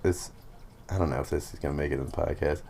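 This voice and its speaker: A man's voice: rumbling low, steady tone, fast, gravelly, mellow, slight background noise. A young man hosting a podcast in casual chat, crude joking and laughing often. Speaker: podcast host.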